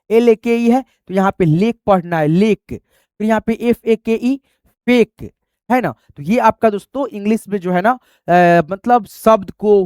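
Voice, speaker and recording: High-voiced man teaching English spelling. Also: a little mellow, clean tone, no room sound, clean studio sound. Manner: repeats "doston" and "theek hai", quizzes the viewer; spells words letter by letter. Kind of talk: online classroom lesson.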